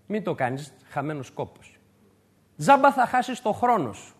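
A man's voice: high-pitched, sing-song, slightly rough. A man preaching a sermon to his congregation, emphatic and repeating his key points.

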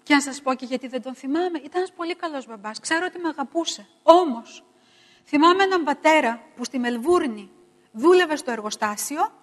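A middle-aged woman preaching a sermon, emphatic and repetitive, swinging between loud stresses and hushed asides. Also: sits high, big-room sound.

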